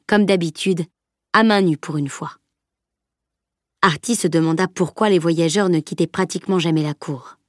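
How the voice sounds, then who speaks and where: A woman narrating an audiobook in a steady, even storytelling manner. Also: mid-range voice, no room sound, studio quality. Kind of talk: scripted narration.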